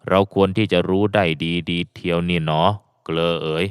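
A man's voice: sits low, fairly even intonation, normal speed, clean tone, no echo, studio quality, pitched below the performer's own voice, lightly acted. A man voicing an elderly male official who speaks with a heavy, sighing, wistful delivery in an audiobook. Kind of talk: audiobook character voice.

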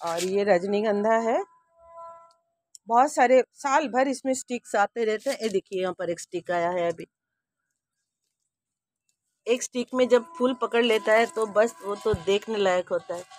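Speaking in an unhurried, slightly mellow medium voice with frequent pauses, a vlogger in her sixties shows viewers around her rooftop garden. She chats warmly straight to camera while holding her phone outdoors, with a little background noise behind her.

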